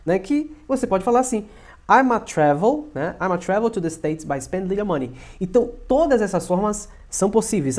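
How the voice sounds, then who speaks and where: A man with a Brazilian Portuguese accent teaches English grammar in a relaxed, conversational lesson. He keeps checking in with tag questions and draws out each example sentence slowly. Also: on the high side. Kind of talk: casual explanatory lesson.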